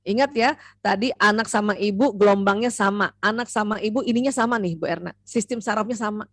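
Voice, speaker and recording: A woman doctor giving a seminar lecture to mothers, lively and talking straight to her audience. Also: medium pitch, fairly quick, no room sound, studio quality. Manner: lively, acts out parent and child voices; addresses the audience directly with frequent "ya".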